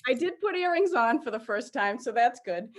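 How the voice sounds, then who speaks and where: A woman's voice: fairly high pitch, expressive, brisk. A middle-aged woman with a Boston-area New England accent, informally and self-deprecatingly introducing her career as an interview guest. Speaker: interview guest, sales executive. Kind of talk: casual spoken career introduction.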